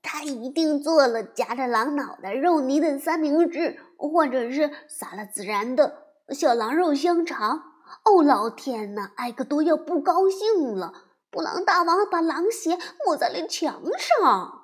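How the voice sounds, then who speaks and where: A woman voicing a nervous, clever little male piglet in a storybook reading, with a bright, eager voice. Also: sits high, lively intonation, a little slow. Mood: anxious.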